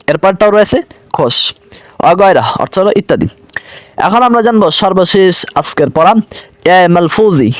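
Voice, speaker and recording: A male teacher gives a patient online lesson, explaining each point step by step and repeating example words slowly. His voice sits a little high. The sound is dry and close, with no room echo.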